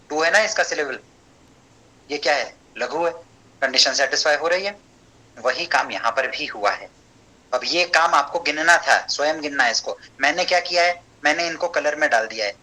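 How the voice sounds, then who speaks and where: A man teaching an online Sanskrit class, explaining step by step, checking understanding and chanting verses slowly. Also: a little high, bright, forceful tone, poor audio.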